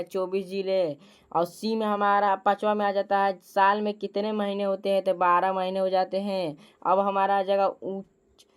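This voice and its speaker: A woman's voice: medium pitch, smooth. A woman reading school quiz questions and answers to students, with frequent restarts and repetition. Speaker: teacher presenting school assembly quiz.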